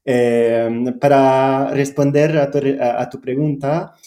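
A man's voice: mid-range voice, level tone, takes it slowly, mellow, roomy sound. A man whose first language is Arabic, speaking Spanish as a guest teacher, hesitant with many fillers and frequent laughs. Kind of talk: conversational interview.

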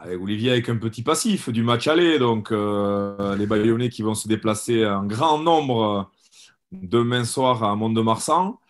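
A man's voice: lowish voice, measured pace. A man giving his opinions as a pundit in a casual sports discussion. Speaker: rugby pundit.

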